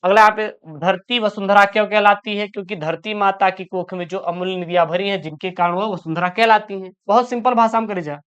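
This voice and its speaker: The audio is dull, but the woman's medium-pitched voice comes through smooth with fairly even intonation. She's leading an online exam-prep session, calling her students "beta," reading each question, often repeating it, and answering quickly with explanation.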